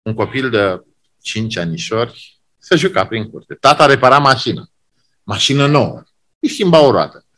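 A man preaching a sermon, swinging between loud exclamations and hushed emphasis, repeating key phrases. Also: medium pitch, lively intonation.

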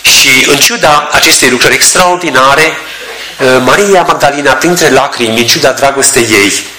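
Bright-voiced male preacher, echoey room. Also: mid-range voice. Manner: measured, emphatic with stretched words. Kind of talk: sermon.

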